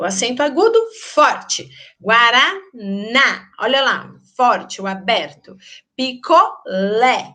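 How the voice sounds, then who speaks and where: A woman teacher with a Brazilian Portuguese accent, giving a grammar lesson in a lively, sing-song teacherly way. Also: on the high side.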